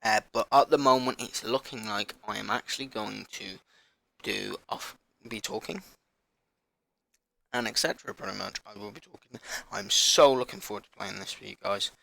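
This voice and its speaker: A man with a sore throat hosting a gaming channel, rambling and apologetic as he haltingly reads a list in a casual announcement vlog. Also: on the low side, gravelly, a bit bright.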